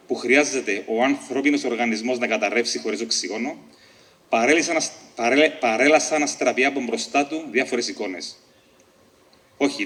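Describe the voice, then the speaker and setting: A man of middle pitch reads his own short story aloud at a book launch. His delivery is measured and deliberate, and he now and then trips over a word and starts it again. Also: fairly bright tone. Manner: measured, deliberate reading with occasional slips and restarts.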